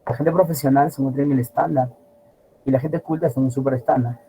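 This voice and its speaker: A middle-aged man teaching a class, lively and always asking his students questions. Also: medium pitch, quick pace, slight background noise, rough recording. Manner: animated, asks students constant rhetorical questions. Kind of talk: classroom lecture.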